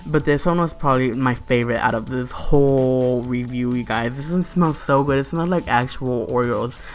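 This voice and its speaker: A man's voice: medium pitch, normal speed, faint music behind. A man giving a casual, gushing voice-over product review, peppering it with "like", "super" and "you guys". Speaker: slime shop reviewer, video host.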